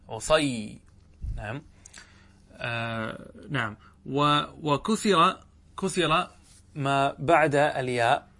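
A male grammar teacher giving a lesson in a classroom. He talks at an unhurried pace, stretches out each example word and says it more than once. He keeps asking his listeners short questions as he goes. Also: medium pitch, fairly bright tone. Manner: slow and deliberate, repeats and stretches out example words, asks the class questions. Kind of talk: classroom lesson explaining a text.

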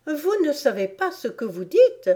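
A woman's voice: fairly high pitch, animated, measured pace, dark tone, pitched above the performer's own voice. A woman reading a storybook aloud and voicing a polite but spirited young girl. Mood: polite lively.

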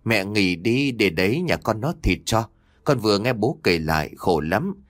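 A man's voice: lowish voice, big pitch swings, moderate pace, no room sound, studio quality. A man voicing a caring middle-aged son who fusses over his old parents in a spoken ghost story. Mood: fussing.

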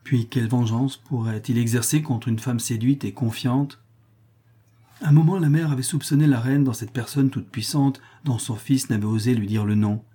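Husky-voiced male audiobook narrator. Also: mid-range voice, steady tone, moderate pace, warm tone. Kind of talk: scripted literary narration.

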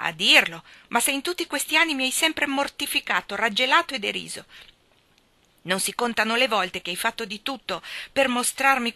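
A woman's voice: fairly high pitch, pushed and bright, dry recording, voice pushed up. A woman reading aloud as an exasperated grown man pleading his case, in a heated, raised voice. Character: exasperated grown man, long-suffering suitor.

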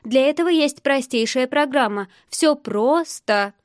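A woman playing a confident female salon owner. She talks smoothly and persuasively, a touch higher than plain speech, in a dry, close storybook read. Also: moderate pace, no room sound, lightly acted. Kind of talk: audiobook character voice.

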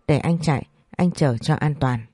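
A woman's voice: sits low, normal speed, warm tone, breathy edge, dry recording, studio quality, faint music behind. A woman voicing a grown man, an elder brother-in-law who speaks steadily and reassuringly while holding back grief. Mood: calm.

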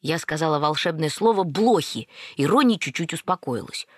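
A woman's voice: low-pitched, brisk, dry recording, studio quality. Woman telling a wry first-person story. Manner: lively, wry.

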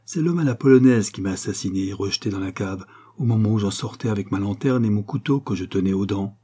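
A man's voice: on the low side, quick pace, warm tone, breathy edge. A man voicing a terrified Portuguese valet who blurts frightened confessions. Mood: alarmed.

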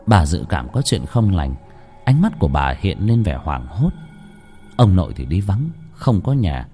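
A man narrating a rural ghost story in an expressive storytelling voice. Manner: expressive storytelling with a wide pitch range.

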